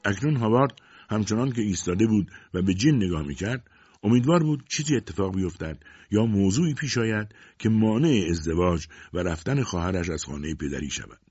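A very low, husky male voice reading a story aloud, with a lively, wide-ranging delivery. The sound is dry and close, on a dull lo-fi recording. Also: dry recording. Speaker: narrator. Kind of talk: audiobook story narration.

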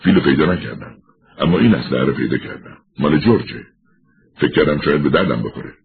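A man voicing a weary middle-aged man who has confessed to a killing, speaking quietly and resigned. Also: rumbling low, lively intonation, vocal fry, husky, full character voice. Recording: tinny narrow-band recording.

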